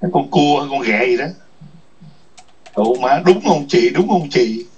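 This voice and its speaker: A man's voice: medium pitch, lively intonation, measured pace, a little mellow, breathy edge. A man ranting in an online chat room, scolding and cursing with repeated taunting questions. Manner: foul-mouthed, scolding, repetitive taunts. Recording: distant muffled lo-fi mic.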